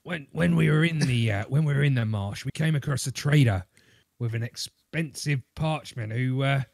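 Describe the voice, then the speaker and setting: Man, tabletop player, in-character storytelling, dry amusement, gravelly, close dry sound. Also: mid-range voice, moderate pace, dry recording. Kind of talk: casual in-character game storytelling.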